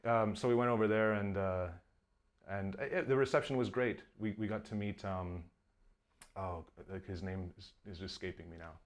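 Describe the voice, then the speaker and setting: A man's voice: lowish voice, steady tone, moderate pace. Rambling man in his thirties. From Canada. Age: 30s. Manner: rambling, many fillers and restarts. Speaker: film director, guest. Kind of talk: casual interview.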